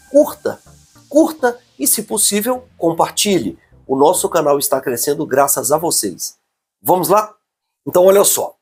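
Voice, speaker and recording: A husky-voiced Brazilian man giving an online grammar lesson. He speaks in a slow, emphatic teacher's manner and keeps checking that the viewer is following. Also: on the high side. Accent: Brazilian Portuguese.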